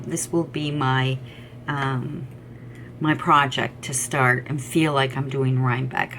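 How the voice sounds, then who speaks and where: A middle-aged woman chats to camera about her knitting, enthusiastic and rambling, with plenty of ums and repeated words. Her voice sits a little low for a woman. A faint hum of room noise runs behind her. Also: fairly bright tone. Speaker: knitting podcast host. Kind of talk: casual chat to camera.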